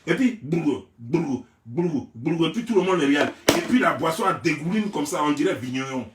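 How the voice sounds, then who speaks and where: A young man from Côte d'Ivoire with an Ivorian French accent, ranting in a theatrical, mocking gossip vlog and often raising his voice to a shout. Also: on the high side, lively intonation, fairly quick, noisy background. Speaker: gossip vlogger. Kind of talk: mocking gossip rant to camera. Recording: roomy, mic at a distance.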